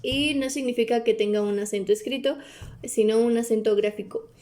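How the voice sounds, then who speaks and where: A woman's voice: a little high, fairly quick, dark tone. Hesitant woman presenting a class topic. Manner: hesitant, with fillers and self-corrections.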